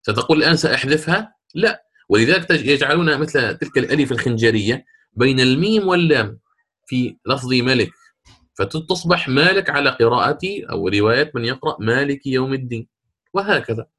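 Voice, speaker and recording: A man's voice: mid-range voice, lively intonation, a little fast, a bit bright, slightly rough. A man teaching a class, explaining patiently with rhetorical questions and frequent restarts. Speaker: Quran recitation teacher. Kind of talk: classroom lecture.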